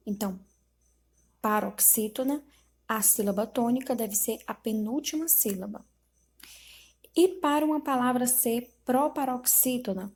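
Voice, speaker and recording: A woman teacher reading out school exercises and explaining the answers slowly, syllable by syllable. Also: on the high side, darkish tone, husky. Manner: slow, explanatory, spells out syllables.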